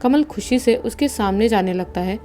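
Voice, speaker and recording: A woman narrating a horror story in a steady, suspenseful storytelling manner. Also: a little high, moderate pace, soft background music.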